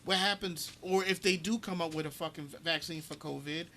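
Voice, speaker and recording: A male podcast co-host talks in a loose, emphatic way, swearing and repeating himself as he builds his point. His voice is bright and forceful. A faint hiss sits behind him. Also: fairly high pitch, a little fast. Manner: profane, emphatic, animated storytelling. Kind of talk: casual chat.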